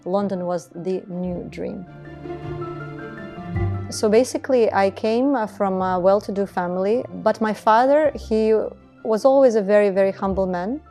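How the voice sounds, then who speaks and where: An Estonian woman who founded a beauty business speaks earnestly and reflectively in a documentary interview. Her voice is medium-pitched with a dark tone.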